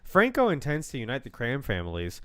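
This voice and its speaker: A man's voice: medium pitch, wildly swooping pitch, a little fast, a bit bright, dry recording, clean studio sound. A young man co-hosting a casual film-review podcast, chatty with lots of fillers, reading plot summaries aloud. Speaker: podcast co-host.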